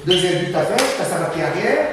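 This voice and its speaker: Male martial arts instructor, brisk demonstrations with sound words, heard from afar in a reverberant hall. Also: high voice, very animated, distant mic, noisy background. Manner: punctuates moves with sound words. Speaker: Krav Maga instructor. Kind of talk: demonstrating self-defense techniques.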